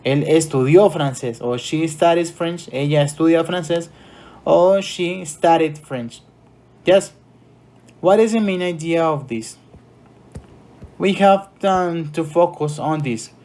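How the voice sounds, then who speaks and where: A man with a Colombian Spanish accent teaching an English grammar lesson, switching between Spanish explanations and slow English examples. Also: a little high, dark tone.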